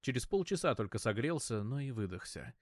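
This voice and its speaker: A man narrates an audiobook in a wry, chatty manner and sometimes catches and corrects a word. His voice sits at an ordinary middle pitch. The recording is close and dry, with no room sound. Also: big pitch swings, a little fast, dry recording. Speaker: audiobook reader.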